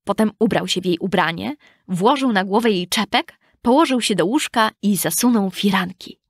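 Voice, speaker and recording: A woman reading a children's storybook aloud in a calm, even storytelling manner. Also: medium pitch, moderate pace, dry recording, clean studio sound. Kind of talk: scripted storybook narration.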